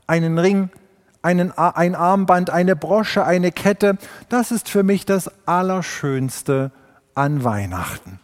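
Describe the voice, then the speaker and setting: A man doing a croaking, greedy magpie. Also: sits high, expressive, slow, big-room sound.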